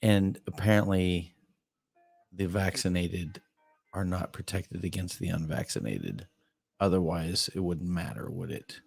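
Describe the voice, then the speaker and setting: A late-night talk host with a low male voice throws sarcastic, scornful jabs at the news. Faint music plays underneath. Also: a little slow, gravelly, a little mellow, breathy edge. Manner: sarcastic, scornful interjections over a news clip. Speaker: radio show host. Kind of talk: late-night call-in commentary.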